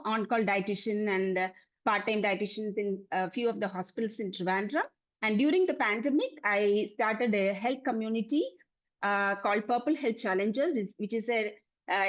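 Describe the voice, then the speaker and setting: A woman's voice: medium pitch, muffled recording. A woman in her forties from Kerala with a Malayali accent, giving a personal presentation about her working life as a dietitian. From Kerala, India. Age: 40s. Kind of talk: personal presentation recounting a career journey.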